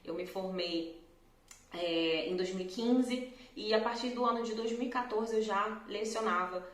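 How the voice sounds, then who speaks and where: Standing in front of a door in an echoey room at home, a Brazilian woman with a medium-pitched voice and a Carioca accent teaches Portuguese pronunciation to camera. She speaks slowly and clearly, stretching out her example words.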